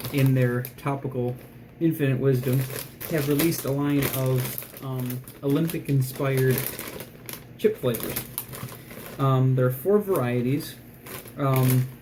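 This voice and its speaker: A man giving a casual food review in a low-key, rambling, dryly joking way. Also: background noise. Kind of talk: casual product review vlog.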